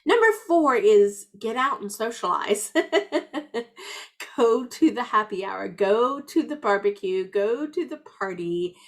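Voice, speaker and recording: A middle-aged woman coaching entrepreneurs in an earnest, encouraging motivational talk. Her pitch sits right in the middle for a woman. She slips in warm, friendly asides as she goes. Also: expressive, takes it slowly. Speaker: business coach.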